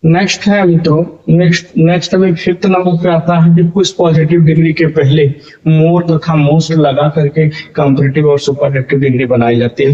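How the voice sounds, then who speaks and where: A man's voice: fairly high pitch, dark tone, muffled recording. A man with a Hindi accent teaching English grammar, explaining patiently and repeating key words. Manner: explains slowly, repeating words and addressing viewers as friends. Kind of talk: classroom lecture.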